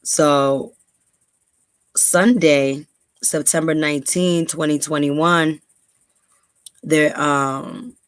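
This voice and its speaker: A low-voiced, dry-sounding woman from New York, USA, hosts a podcast of casual commentary and reading aloud. Her intonation is fairly even, with drawn-out words and long pauses in a clear, resonant tone on a dry recording. She's conversational, says um a lot, and speeds up to stress points.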